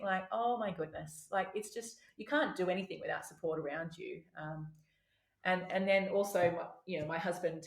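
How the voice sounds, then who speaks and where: A woman in her thirties speaks as an interview guest in a frank, conversational way, often restarting her sentences. Her voice sits a little low. The recording carries a noticeable room echo. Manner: chatty and frank, with frequent restarts. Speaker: podcast guest, doctor. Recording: roomy echo.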